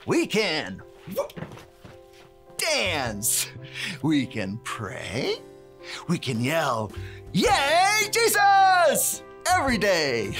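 A man's voice: on the high side, a bit bright. A man hosting a preschool Bible lesson as a cheerful handyman, playful and exclamatory, leading children in chants. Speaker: children's show host in character.

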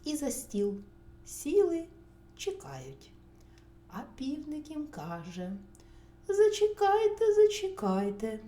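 A woman narrating a children's bedtime story, gentle and expressive with soft whispered asides. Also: sits high, takes it slowly, pauses often. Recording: roomy recording, faint hum.

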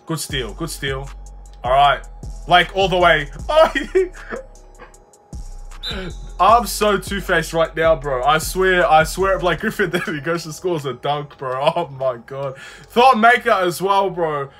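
A man giving excitable live commentary on his own video game, swearing and calling out "bro" often. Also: a little high, measured pace, faint music behind. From Australia. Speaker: gaming YouTuber.

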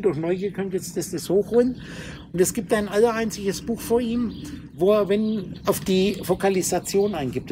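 A man gives an informal spoken lecture to a small group, explaining Hebrew letters and slowly sounding out consonants and vowels. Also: sits high, background noise. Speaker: teacher of Hebrew letter mysticism.

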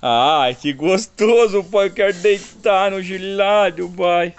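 A man with a Brazilian accent voicing his pampered female pit bull in a high, drawn-out baby-talk voice. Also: clear, resonant tone. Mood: blissful.

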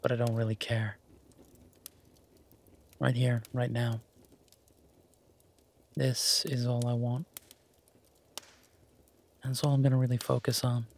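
Murmuring softly and huskily, a man portrays a gentle, teasing, laid-back werewolf boyfriend in an intimate romantic roleplay. His voice is mid-range and flat, taken slowly with long pauses, and the mood is tender and reassuring.

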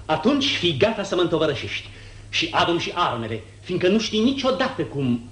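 Haughty Don Juan, very animated. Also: male voice, high voice. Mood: alarmed, annoyed. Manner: haughty, commanding. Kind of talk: 1950s radio theatre acting. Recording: noisy, humming 1950s radio recording.

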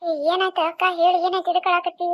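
A woman's voice: very high-pitched, completely flat delivery, quick pace, no room sound, pitched above the performer's own voice. A woman doing a bold, caring neighbor woman. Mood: worried. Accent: North Karnataka Kannada. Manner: consoling, rousing. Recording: dull lo-fi recording.

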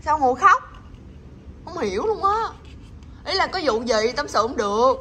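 A woman's voice: high-pitched, big pitch swings, normal speed, sharp tone, a little hiss or hum. A woman chatting with her pets in a teasing, coaxing way, laughing often. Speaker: pet channel host. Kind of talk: casual chat to her pets.

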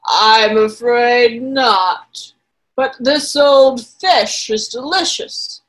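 A woman's voice: on the high side, drawn-out words, fairly bright tone, rough recording. A woman voicing a cheerful crocodile who offers food, read aloud from a picture book. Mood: friendly.

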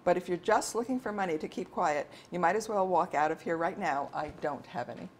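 A nervous, defensive man in trouble, read by a woman at a bookstore reading. The voice sits fairly low and measured, with a faint background hum. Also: lightly acted. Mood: tense. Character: anxious, defensive man on the run. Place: bookstore event.

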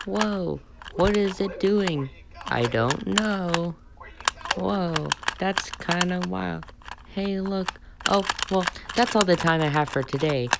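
Low-voiced woman reacting casually, gravelly and unhurried. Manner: halting, full of short exclamations. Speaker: host of a reaction video. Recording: noisy home recording with clicks.

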